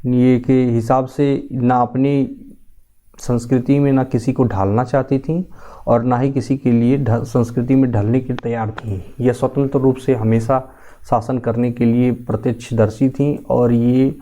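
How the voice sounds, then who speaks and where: A man's voice: medium pitch, fairly even intonation, moderate pace, dark tone. A man teaching a history lesson for exam preparation, explaining steadily and repeating the key facts. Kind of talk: exam-prep history lecture.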